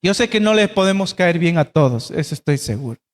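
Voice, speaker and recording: Male pastor, high voice, preaching to a congregation, long reverb of a church. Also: expressive, brisk. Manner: preaching with rhetorical questions to the congregation. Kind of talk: sermon.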